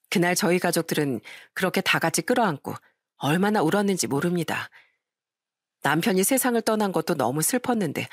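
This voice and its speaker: A middle-aged woman narrating a scripted audio story in a calm, plain way. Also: lowish voice, slightly rough, no echo, studio quality.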